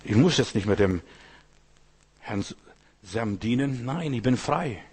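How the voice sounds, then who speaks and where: A man's voice: medium pitch, lively intonation, takes it slowly, slightly rough. A man preaching a sermon, speaking emphatically in repeated parallel phrases and addressing the listener directly. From Asia. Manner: repetitive, emphatic preaching with rhetorical questions to the listener.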